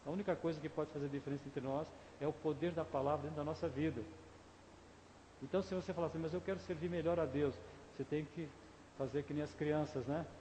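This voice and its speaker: Brazilian pastor preaching in echoey church. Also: male voice, fairly high pitch, steady tone, fast talker, dark tone, slight background noise. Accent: Brazilian Portuguese. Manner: conversational preaching, asks the congregation questions. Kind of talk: sermon. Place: church sanctuary. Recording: echoey church hall, faint ambience.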